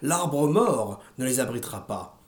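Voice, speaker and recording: A man reading aloud and voicing a fanatical old woman preaching a feverish, shouted sermon. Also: medium pitch, lively intonation, unhurried, reverberant, natural voice.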